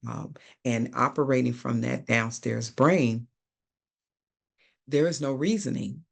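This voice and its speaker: A man's voice: medium pitch, slow, gravelly. A man presenting a webinar, explaining thoughtfully with hesitant ums and uhs. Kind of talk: unscripted teaching talk.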